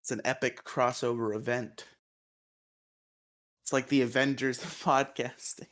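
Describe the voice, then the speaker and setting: A man's voice: medium pitch, fairly even intonation, unhurried, a bit bright. A man co-hosting a podcast in casual chat, sleepy and yawning, rambling with lots of fillers. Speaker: podcast co-host.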